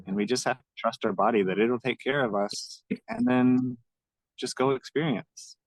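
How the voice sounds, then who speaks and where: A man with a mid-range, gravelly voice muses gently on a podcast, encouraging his listener. His tone stays calm and reassuring. The sound is dry and close. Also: mid-range voice, normal speed, no room sound, low-quality recording. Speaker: podcast co-host. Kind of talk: casual podcast chat.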